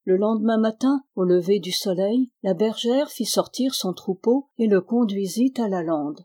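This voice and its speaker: A woman reads an old folk tale aloud in a calm, measured storybook manner. Her voice is warm and mellow, pitched in a middle register. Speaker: narrator. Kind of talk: storybook reading.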